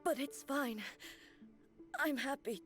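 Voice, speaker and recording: An actress playing a solemn, proud and weary female shogun in a video game, formal and halting. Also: high voice, a bit bright. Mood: weakened, halting. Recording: music behind.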